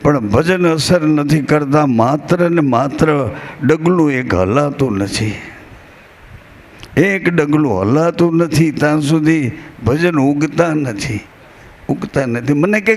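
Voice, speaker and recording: A man's voice: fairly high pitch, lively intonation, slow. A man with a rural Gujarati accent giving a devotional discourse to a live gathering, telling stories in a folksy way and quoting verses and dialogue. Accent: Gujarati, rural Saurashtra. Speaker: bhajan singer and spiritual speaker.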